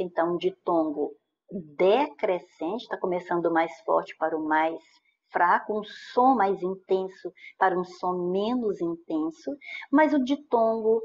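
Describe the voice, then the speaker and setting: A woman's voice: fairly low pitch, a little mellow, highs cut off. A Brazilian woman teaching Portuguese grammar through exam questions, explaining step by step and checking in with her students. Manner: explanatory, stretches key words slowly, checks in with "né?" and "certo?".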